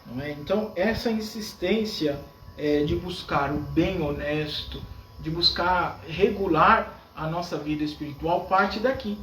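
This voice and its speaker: High-voiced Brazilian priest, echoey and distant. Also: male voice, measured pace, a bit bright. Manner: explanatory, with frequent questions to listeners. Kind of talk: sermon. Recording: echoey, from far off, faint background noise.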